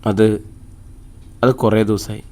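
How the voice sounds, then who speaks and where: A man voicing a grieving father in an audiobook, speaking softly in short, halting replies. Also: lowish voice, level tone. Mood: sorrowful. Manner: soft, hushed, halting replies. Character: grieving father, gentle and choked up.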